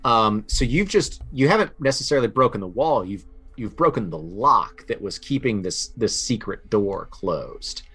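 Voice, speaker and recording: A man running a tabletop game as game master, describing scenes in a halting way full of ums and restarts. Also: fairly low pitch, very animated, bright, forceful tone, husky.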